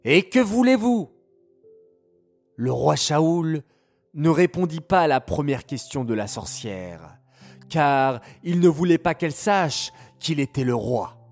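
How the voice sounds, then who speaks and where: A man narrating a children's story in a slow, deliberate manner, speaking directly to the young listeners. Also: fairly high pitch, lively intonation, a little mellow, faint music behind.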